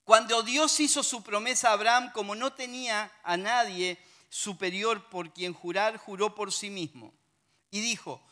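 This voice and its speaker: A male preacher with a Rioplatense Spanish accent, giving a lively sermon that reads scripture aloud and adds humorous asides to the congregation. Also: sits high.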